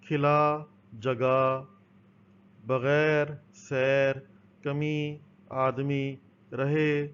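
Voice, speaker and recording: Patient male teacher, lo-fi recording. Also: mid-range voice. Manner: explains patiently, asks and answers own questions. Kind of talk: recorded school lesson. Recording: dull, lo-fi with faint noise.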